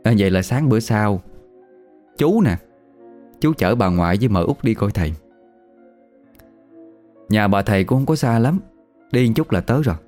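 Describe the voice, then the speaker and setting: A man's voice: lowish voice, expressive, moderate pace, long pauses, darkish tone, faint music behind. A man telling a ghost story in a chatty, conversational way. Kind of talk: casual spoken ghost story.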